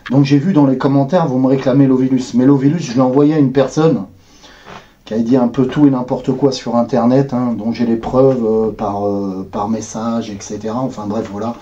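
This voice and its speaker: A man's voice: medium pitch, steady tone, moderate pace, warm tone, dull audio. A man streaming ghost hunts live, talking in a hesitant, rambling way. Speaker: paranormal livestreamer. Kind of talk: livestream talk.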